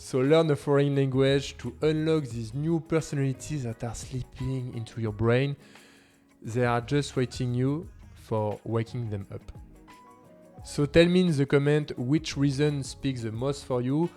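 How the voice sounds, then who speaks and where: A French-accented vlog host, a native French speaker, chats casually to camera for a language-learning video with non-native phrasing. His mid-range voice is dark-toned at a measured pace, over light music.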